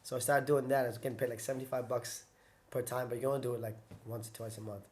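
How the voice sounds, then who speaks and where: With a mid-range, slightly dark voice and fairly even intonation, a young podcast guest speaks quickly about his early days as a fighter. He drifts into tangents, leans heavily on "like," and keeps backtracking to fix what he said.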